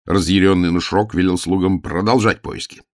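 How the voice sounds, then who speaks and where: A man reading a story aloud in a dramatic, lively way. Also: sits low, normal speed, dry recording, clean studio sound. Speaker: audiobook narrator. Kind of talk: expressive storybook narration.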